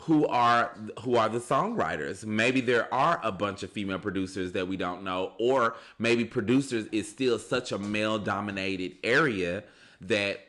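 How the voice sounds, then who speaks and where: A man's voice: lowish voice, moderate pace, a bit bright. Eager man co-hosting a podcast. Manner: eager, jumps in, repeats his partner. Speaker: podcast co-host. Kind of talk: casual chat.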